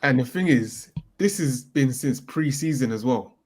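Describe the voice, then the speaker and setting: Halting young man chatting football. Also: medium pitch, animated, a little mellow, slightly rough. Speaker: football pundit. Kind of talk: casual football chat.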